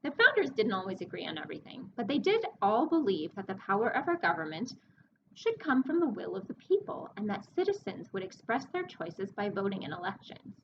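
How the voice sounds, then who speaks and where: Reading a picture book to children at story time, a woman librarian in a medium-pitched voice explains things expressively and pauses to address her young audience. The audio sounds dull, with background noise.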